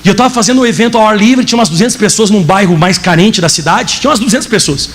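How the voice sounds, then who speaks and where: A man, a pastor preaching a sermon in church, telling his testimony in an animated way and acting out the dialogue. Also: sits high, very fast.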